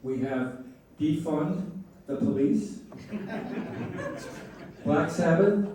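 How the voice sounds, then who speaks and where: A middle-aged man performing stand-up comedy in setups and punchlines with pauses, to a laughing audience. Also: a little high. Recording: roomy echoing live venue, distant mic, faint noise.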